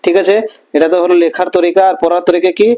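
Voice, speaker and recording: Mellow-voiced Bengali Quran teacher. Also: male voice, sits high, flat delivery, dull audio. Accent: Bangladeshi Bengali. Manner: asks students rhetorical checks, sounds out syllables slowly. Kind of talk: online Quran reading lesson.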